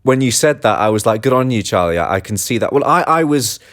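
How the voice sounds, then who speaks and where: A man's voice: medium pitch, animated, fairly quick, a bit bright, no room sound, clean studio sound. A man co-hosting a podcast, chatting about cricket in a teasing way with lots of fillers. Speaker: podcast co-host. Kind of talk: casual cricket chat.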